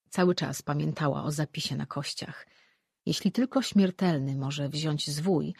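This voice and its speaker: Husky, dry audiobook narrator. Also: mid-range voice, a little mellow, dry recording. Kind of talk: scripted fantasy narration.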